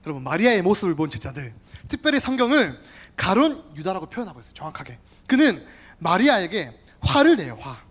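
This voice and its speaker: Youth pastor, sermon, very lively pitch, emphatic repeated words, speaks straight to listeners. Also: fast talker, breathy edge. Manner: animated, addresses listeners directly, repeats key words.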